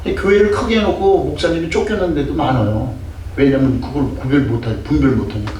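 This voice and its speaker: A man's voice: medium pitch, fairly quick, a little mellow. An older man preaching a sermon as a pastor, emphatic and full of rhetorical questions, sometimes acting out scolding. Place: church sanctuary. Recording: echoey distant church mic with faint noise.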